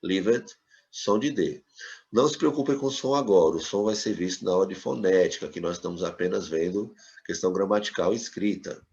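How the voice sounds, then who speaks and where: A man teaching an English lesson to Brazilian students, explaining patiently and repeating words slowly for them. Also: deep voice, a little mellow. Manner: patient, repetitive explaining, checks in with "tá certo?". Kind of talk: recorded classroom lesson. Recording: dull lo-fi sound.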